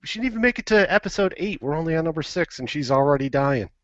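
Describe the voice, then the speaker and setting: A man hosting a casual podcast, trading teasing, wry remarks with his co-host. His voice has a mid-range pitch for a man, and the sound is dry and somewhat dull. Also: lively intonation, quick pace, no echo. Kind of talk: casual chat.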